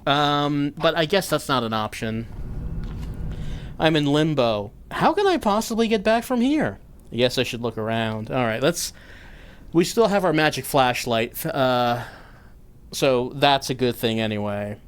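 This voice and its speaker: A man's voice: mid-range voice, lively intonation, measured pace, clean tone. A man giving casual, wry commentary as the host of a game playthrough. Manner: dry, wry joking. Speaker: gaming host.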